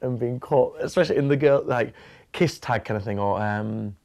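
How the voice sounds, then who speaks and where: A young man from northern England reminisces about his childhood in an interview, his medium-pitched voice slightly mellow with some vocal fry. He rambles and hesitates, using lots of fillers and occasionally speeding up in quick bursts.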